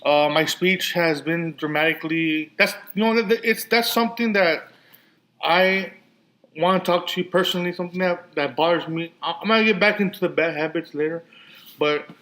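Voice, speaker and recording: Slightly high-voiced man with a lisp. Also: normal speed, sharp tone, poor audio. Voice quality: lisp and slurred speech. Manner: rambling with many restarts and fillers. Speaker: podcast host. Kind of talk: casual solo podcast talk.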